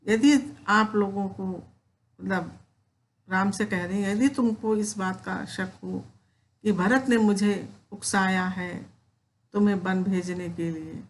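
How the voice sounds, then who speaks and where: A woman teacher reads verse aloud and then explains it in simple words. She speaks at a slow, unhurried pace and at a middling pitch. A faint hiss runs under the recording. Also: fairly even intonation. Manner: recites verse lines, then explains them in plain Hindi. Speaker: Hindi teacher. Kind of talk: recorded lecture explaining poetry.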